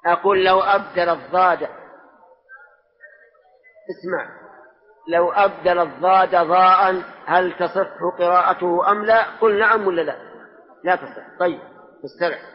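A man's voice: high-pitched, normal speed, long pauses. A man, a religious scholar, giving a question-and-answer lesson and quizzing his students for answers. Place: large mosque hall. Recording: dull lo-fi recording with long hall reverb.

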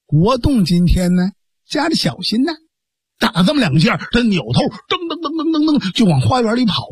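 Beijing guy doing old-style storytelling, husky voice, pitch jumping around, dry sound. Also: moderate pace, no echo. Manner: lively, theatrical narration with fillers. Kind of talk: traditional pingshu storytelling.

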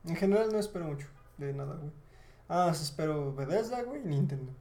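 A man's voice: on the high side, expressive, fast talker. A man with a Mexican accent co-hosting a casual gaming podcast, slangy and loose. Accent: Mexican Spanish. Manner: casual, slangy, bursts into shouts. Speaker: podcast co-host.

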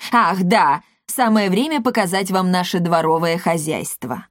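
A woman's voice: on the low side, measured pace, dry recording, studio quality, close to an everyday voice. Woman doing a jolly clueless father. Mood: blustering. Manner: jolly, pleased with himself. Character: silly boastful middle-aged father, cheerful and clueless.

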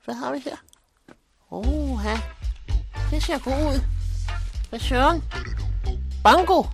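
Brief: a woman doing a boozy muttering man, high voice, distant, music under it. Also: expressive, gravelly.

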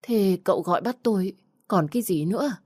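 A woman's voice: medium pitch, fairly quick, a little mellow, husky, no room sound, studio quality, voice pushed up, lightly acted. Woman voicing a nervous fugitive woman in her fifties, audio story. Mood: pleading. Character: frightened runaway woman over fifty, pleading.

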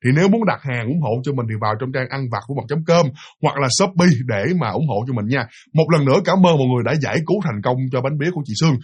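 A man with a Southern Vietnamese accent, hoarse from a cold, telling a story to his listeners in a chatty, casual way. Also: medium pitch, lively intonation, racing, darkish tone. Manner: chatty, addresses listeners directly, many fillers. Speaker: storyteller and channel host.

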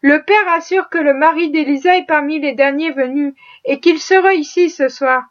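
A woman reading the part of a kind, gentle Quaker matron, speaking softly and tenderly. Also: high-pitched, moderate pace, close to an everyday voice. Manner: soft and tender. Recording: muffled lo-fi audio.

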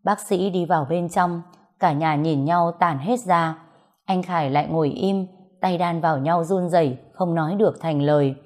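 A woman's voice: lowish voice, normal speed, a little mellow. A woman reading a story aloud as scripted narration, voicing all the dialogue in her own voice.

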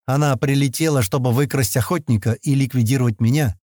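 A man's voice: medium pitch, a little fast, mellow, no room sound, studio quality, natural voice. A man playing a wary, scheming male space fugitive who talks slyly and boasts.

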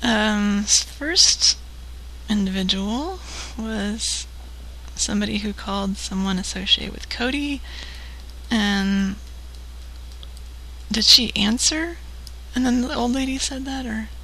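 A woman hosting a late-night stream in casual, loosely thrown-together chat. Her pitch is mid-range with a lot of vocal fry. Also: slow pace, long pauses, pushed and bright, rough recording. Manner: loose, unprepared, chatty. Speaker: host.

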